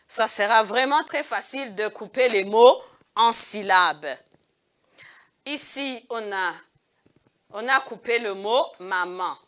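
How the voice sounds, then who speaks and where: A woman's voice: fairly high pitch, pushed and bright. A woman teaching kindergarten pupils in a recorded video lesson, speaking patiently and saying each word twice. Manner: addresses pupils as "mes amis".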